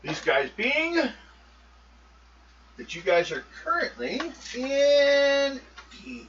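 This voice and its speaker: A man's voice: extremely high pitch, extremely slow. A man narrating a tabletop game as game master, talking loosely with frequent ums. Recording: muffled, distant mic with steady noise.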